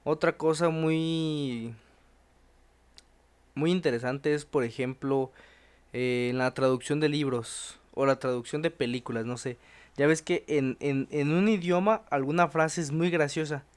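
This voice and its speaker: A man's voice: a little high, a little slow, smooth. A young Mexican man in casual podcast chat, thinking aloud with many restarts. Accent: Mexican Spanish. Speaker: podcast co-host.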